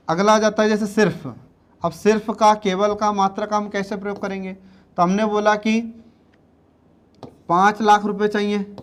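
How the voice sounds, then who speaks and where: A man teaching an exam-prep grammar lesson, going slowly, repeating words and often checking that students follow. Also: high-pitched.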